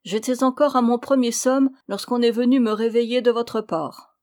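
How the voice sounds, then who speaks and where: A woman reading the lines of a greedy, fawning male cousin in an audiobook, effusive and flattering. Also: fairly high pitch, normal speed, voice pushed up, natural voice.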